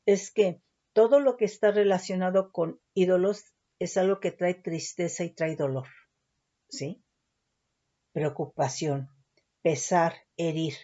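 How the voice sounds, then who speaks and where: A woman teaching the Bible slowly and carefully, who keeps checking in with her listeners with short questions. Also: fairly low pitch, steady tone, dark tone. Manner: keeps asking ¿verdad? and ¿sí?. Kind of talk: slow Bible teaching with word studies. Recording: dull lo-fi recording.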